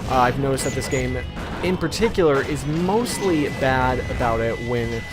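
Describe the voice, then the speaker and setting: A man's voice: mid-range voice, animated, moderate pace. A young man giving casual let's play commentary in a sarcastic, rambling, jokey way. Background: video game music.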